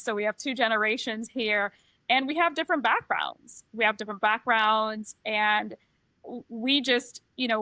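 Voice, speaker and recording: A middle-aged woman who grew up in Trinidad and Tobago talks through her life story on a podcast, candid and reflective. Her voice is bright and sits a little high. The sound is dry and close, with no room around it. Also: no echo. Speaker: podcast co-host, transition coach. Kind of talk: casual podcast chat.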